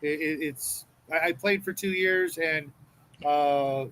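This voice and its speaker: A man's voice: on the high side, slow pace, a bit bright, a little hiss or hum, low-quality recording. A man chatting on a live stream who stammers and repeats his words as he goes. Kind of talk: casual chat on a live stream.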